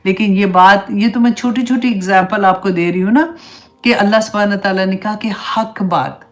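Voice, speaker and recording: A woman's voice: mid-range voice, moderate pace. A middle-aged woman, teaching a religious class in a conversational way, slipping English phrases into her talk and laying out numbered points for her students. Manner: gives numbered points, speaks directly to students. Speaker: Islamic teacher.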